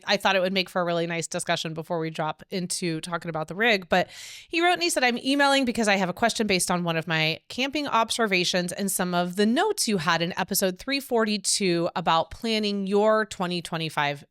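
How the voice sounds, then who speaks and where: A woman co-hosting a casual podcast, playful and teasing in an animated way. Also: medium pitch, clear, resonant tone, dry recording, clean studio sound. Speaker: podcast co-host. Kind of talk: casual chat.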